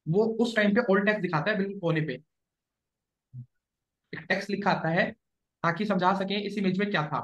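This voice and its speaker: A male SEO trainer explains concepts to a live class at a moderate pace, pausing often and checking understanding frequently. His voice is high and fairly bright with a steady tone. The recording is dull and lo-fi, from a classroom.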